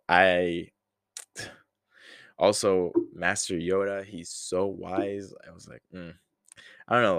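A man's voice: low-pitched, dry recording, studio quality. A young man in his early twenties hosting a casual solo podcast, rambling and chatty, with frequent sighs and laughs. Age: early 20s. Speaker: podcast host.

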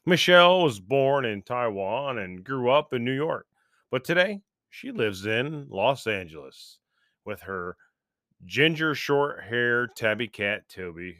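A man's voice: lowish voice, pushed and bright, no echo. Earnest male podcast host, dry sound. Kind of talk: podcast interview.

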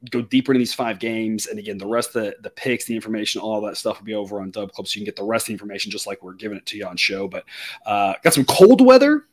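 A man's voice: lowish voice, lively intonation, fast talker. A man hosting a sports betting show in a conversational, wordy, explanatory way.

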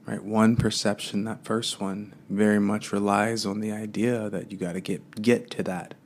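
A man's voice: lowish voice, little pitch movement, normal speed, a little hiss or hum. A man giving a casual, meandering spiritual talk, full of fillers and loose asides.

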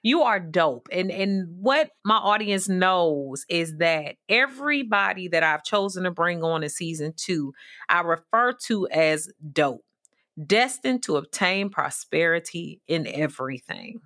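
A woman's voice: on the low side, lively intonation, a little slow, fairly bright tone. A woman hosting an interview show, affirming and gushing over her guest. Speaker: podcast host.

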